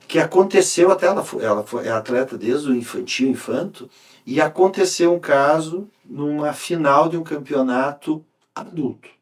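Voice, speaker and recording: A man, a sports coach talking on a podcast, telling an animated story with many restarts. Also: mid-range voice. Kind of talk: casual podcast conversation.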